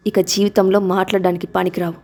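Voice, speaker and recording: A woman's voice: mid-range voice, little pitch movement, fast talker, darkish tone, natural voice. A woman voicing a commanding, protective father who speaks in stern warnings in a storybook reading.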